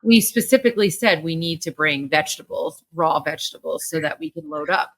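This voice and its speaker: A woman's voice: sits low, fairly quick. A woman podcast co-host in casual chat, joking and self-deprecating.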